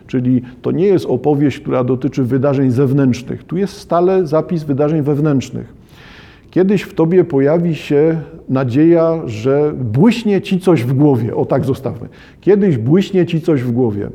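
A man's voice: fairly high pitch, mellow. A man lecturing on a novel, reflective in tone, reading passages aloud and addressing his listeners directly.

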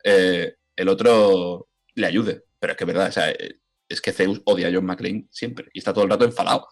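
A man in casual film chat, animated and lively, acting out movie lines in put-on voices. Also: sits low, normal speed, soft background music.

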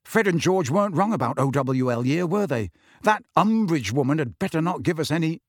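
A grumbling teenage schoolboy wizard, voiced by a male narrator in a storybook reading, pitched a little higher than the narration. He whines and complains with gloomy exasperation, recorded dry and close. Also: animated, brisk, dry recording. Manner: complaining, whiny.

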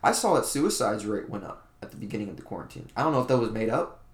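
Chatting casually on a podcast he co-hosts, a young man from Florida talks fast and expressively in a lowish voice. His delivery is loose and rambling, full of fillers, and the room has a noticeable echo.

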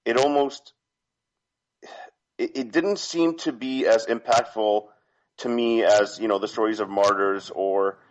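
A man from Canada calling in to a talk show, polite and halting, with many fillers and restarts. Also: on the low side. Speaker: caller. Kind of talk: phone-in question. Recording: dull lo-fi phone line.

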